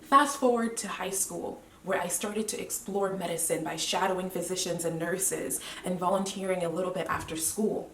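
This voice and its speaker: A woman in her twenties from Cameroon, a medical student giving a measured, earnest motivational speech with deliberate pauses. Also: lowish voice, far from the mic, slight background noise. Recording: roomy echo, voice away from the mic.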